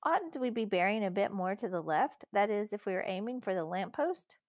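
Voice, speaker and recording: A woman's voice: mid-range voice, expressive, a little fast, a little mellow, dry recording, clean studio sound, natural voice. A woman voicing a sullen, resentful younger brother in a storybook reading. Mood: sulky. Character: sulky, spiteful younger boy.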